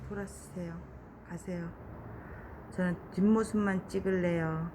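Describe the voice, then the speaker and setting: Woman scolding a beetle outside at night, slow talker, lots of background noise on a phone mic. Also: on the low side, fairly even intonation. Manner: exasperated, coaxing, talking to an insect. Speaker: vlogger. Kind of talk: casual vlog talk to a beetle.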